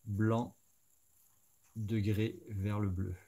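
Gravelly-voiced man hosting a live stream. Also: lowish voice, flat delivery, very slow, dark tone. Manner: chatty, thinks aloud and talks straight to viewers. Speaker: host of a live scale-modeling stream. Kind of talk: casual live-stream chat.

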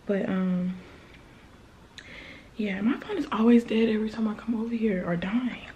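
A woman's voice: a little high, quick pace, muffled recording, noisy background. A young woman chatting casually to her camera in a vlog, indoors at a relative's house, sometimes dropping to a near whisper. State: a bit out of breath. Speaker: vlogger. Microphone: handheld camera.

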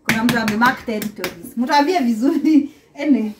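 With music playing behind her, a lively young Kenyan vlogger shows viewers around her small apartment, inside and on the balcony, at a normal pace. Her Kenyan-accented voice is on the high side, and she chats in English and Swahili, laughing often, on a handheld phone.

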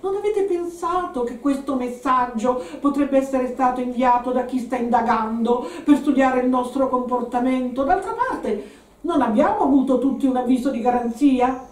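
A woman's voice: high voice, normal speed, a little mellow, lightly acted. A woman reading aloud, voicing a cold, resentful grown man who speaks curtly, recorded in a roomy space from a distant mic.

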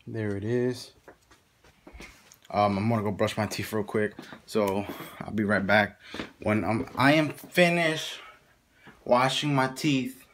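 Pausing often and at length, a young man with a fairly low, slightly bright voice talks slowly to his phone camera held at arm's length. He wanders from his house out into the neighborhood, rambling, mumbling asides, and cursing a lot on a noisy recording.

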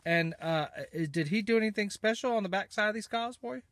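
A man's voice: high-pitched, fast talker, a bit bright, no room sound. A man speaks in a casual, friendly-paced outdoor chat as an off-camera co-host. He talks as if guiding a young partner through a gear show-and-tell, recorded on a handheld phone inside a small blind. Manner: prompting a child with leading questions.

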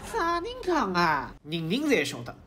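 A woman with a Shanghai accent voicing an expressive, bantering young friend in a comic sitcom dub. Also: mid-range voice, normal speed. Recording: loud ambient background noise.

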